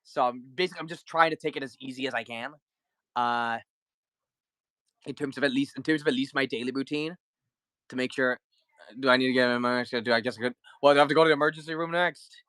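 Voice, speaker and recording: A flu-stricken toy seller keeps up casual chatter on his livestream, welcoming viewers and counting down offers. His mid-range voice moves fast with fairly even intonation and a slightly bright, clean tone, free of echo.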